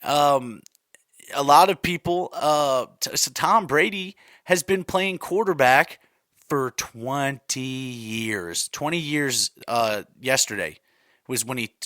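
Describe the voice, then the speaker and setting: Male podcast host, 30s, mid-pitched, rambling casual solo chat, dry close sound. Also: a bit bright, no echo. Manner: rambling, conversational, repeats himself, many fillers.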